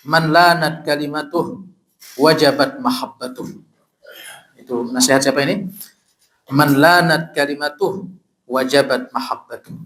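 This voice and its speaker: A male ustadz giving a mosque study sermon, reciting Arabic sayings slowly, then explaining them in a conversational way and asking the audience questions. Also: a little high, a bit bright, rough recording. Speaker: ustadz teaching a kitab study.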